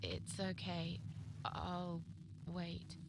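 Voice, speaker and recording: An actress voicing a withdrawn, reluctant middle-aged woman, quiet and mumbling. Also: on the low side, monotone, very slow, noisy background. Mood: awkward mumble. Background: game music.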